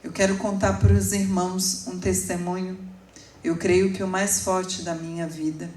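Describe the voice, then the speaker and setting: A woman in her forties giving an emotional sermon testimony, telling her story slowly with sudden emphatic rises. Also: fairly low pitch, little pitch movement, a little mellow. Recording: echoey room, speaker far from mic.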